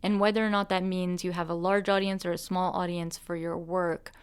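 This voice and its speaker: Earnest woman host with a smooth, low voice. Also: little pitch movement, brisk. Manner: earnest, musing, with restarts and light laughs. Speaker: podcast host and musician. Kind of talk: reflective conversation.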